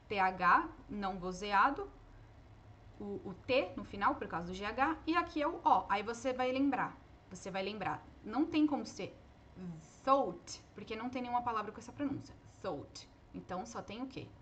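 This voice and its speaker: A woman's voice: medium pitch, fairly bright tone, slight background noise. Patient woman teaching pronunciation live. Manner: patient, explains slowly and models words aloud. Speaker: English teacher. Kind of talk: live online pronunciation lesson.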